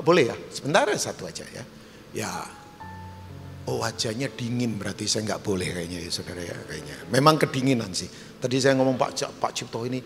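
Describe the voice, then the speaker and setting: Animated, bright-voiced male preacher. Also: on the low side, gravelly. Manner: animated, emphatic, joking with the congregation. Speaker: pastor. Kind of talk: lively preaching sermon. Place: church hall. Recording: live church hall with long reverb.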